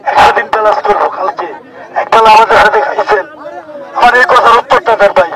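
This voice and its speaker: A man with a very high voice stands in a loud crowd outdoors. He keeps demanding an answer from an official, again and again. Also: steady tone, fast, very noisy. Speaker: injured protester. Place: outdoors at a protest. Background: dense crowd.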